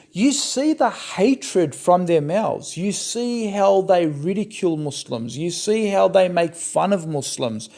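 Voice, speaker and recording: Gravelly argumentative man. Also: high-pitched, mellow. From the West, Turkish background. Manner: argumentative, sarcastic. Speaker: religious commentator. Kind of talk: rebuttal commentary on clips.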